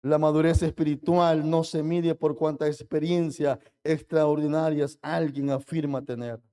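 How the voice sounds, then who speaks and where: A male pastor delivers a fervent sermon. His voice sits fairly high for a man, with a dark, mellow tone. He speaks slowly and deliberately, pressing each point home. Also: flat delivery, clear, resonant tone. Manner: fervent preaching, mimics boastful believers, calls out hermano.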